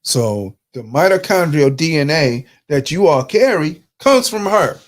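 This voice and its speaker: A man's voice: fairly high pitch, sing-song, unhurried. A man hosting a live talk, lecturing over slides in a conversational, emphatic way, with speech. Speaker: host.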